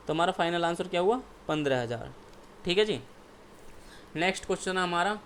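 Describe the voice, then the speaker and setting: A man's voice: high voice, a little hiss or hum. A male maths teacher working through exam problems step by step, asking questions and answering them himself, with frequent "okay" check-ins. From India. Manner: keeps asking and answering his own questions, repeats "ठीक है".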